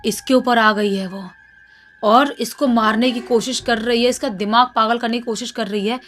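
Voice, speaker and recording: A woman voicing a stern old tantrik holy man who shouts commands, inside a spoken horror story. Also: a little high, steady tone, normal speed, slight background noise, lightly acted. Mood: commanding.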